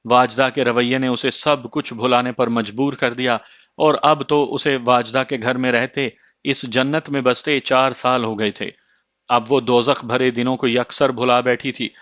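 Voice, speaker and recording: A man reading a story aloud as narrator in a steady, measured way, in a slightly muffled dry recording. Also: mid-range voice, dry recording.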